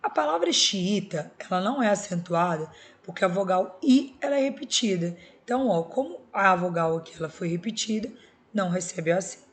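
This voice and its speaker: A Brazilian woman with a mid-range voice and lively intonation speaks fairly quickly in a recorded school video lesson. Teaching Portuguese, she lays out grammar rules step by step and checks in with her students using tag questions.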